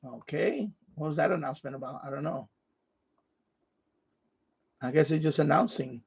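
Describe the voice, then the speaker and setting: A man hosting a casual amateur radio live stream, shifting between muttering to himself and louder call-outs. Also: on the high side, normal speed, creaky, husky. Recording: dull, lo-fi sound.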